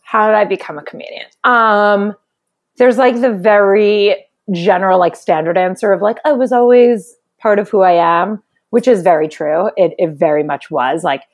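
A woman with a New York accent and a raspy chain-smoker voice, chatting casually and jokingly as a comedian guest. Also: mid-range voice, moderate pace. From Brooklyn, New York, United States. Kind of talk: casual chat.

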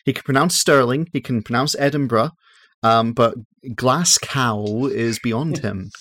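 A man's voice: medium pitch, unhurried, a bit bright, no room sound. A man co-hosting a podcast who trades dry, teasing banter in casual chat. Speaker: podcast co-host.

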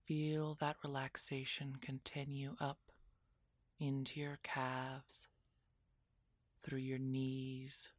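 A woman narrating a guided relaxation meditation in a soft, soothing, breathy voice that often drops into a whisper, like a spa session. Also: a bass voice, monotone, slow pace, long pauses, no echo.

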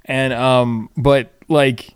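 A man's voice: medium pitch, level tone, very slow, smooth, no room sound, studio quality. A man hosting a show with casual, jokey banter and a chuckling way of talking. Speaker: podcast host.

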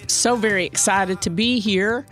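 This radio host, a woman in her sixties, chats in a bubbly way full of fillers on her talk show. She speaks unhurriedly in a mid-range, slightly bright voice, with faint music behind her on an otherwise dry studio mic recording.

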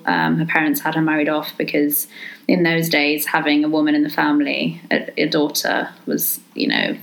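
A woman from the United Kingdom hosts a casual podcast conversation. Her voice sits a little low, and she keeps things friendly, steering the talk with easy questions. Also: a bit bright, low-quality recording. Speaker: podcast host.

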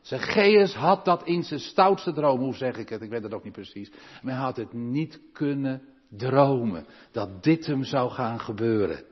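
A male pastor preaching a sermon, swinging between loud emphatic calls and hushed asides, often asking his listeners questions. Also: medium pitch, expressive, a little slow, breathy edge. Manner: asks the congregation direct questions. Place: church. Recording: long church reverb, dull lo-fi sound.

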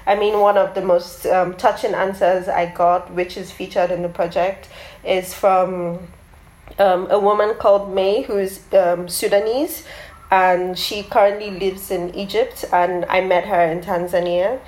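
A woman with a lowish voice talks through her work in a relaxed interview. She speaks thoughtfully, pausing on fillers and restarting sentences. The room is echoey and roomy around her. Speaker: interviewee, artist behind a photography project. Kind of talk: casual interview talk.

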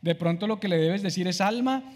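A man's voice: high-pitched, fairly even intonation, fast, darkish tone, long reverb tail. A man preaching a conversational sermon, acting out how he talks to himself. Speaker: pastor.

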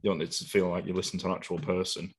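A man's voice: low voice, level tone, rapid-fire, breathy edge. A man co-hosting a podcast, chatting casually and rambling with lots of fillers and restarts. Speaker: podcast co-host.

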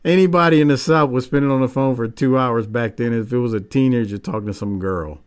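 A man's voice: mid-range voice, fast talker, clear, resonant tone. A man hosting a casual wrestling recap, talking in an offhand, dry way that trails off. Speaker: podcast host.

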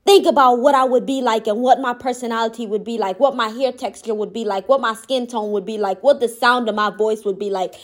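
A woman giving a motivational monologue, impassioned and emphatic, with a gentle yet firm voice. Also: fairly high pitch, steady tone, a little fast, hardly any pauses. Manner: impassioned, repetitive emphatic phrasing.

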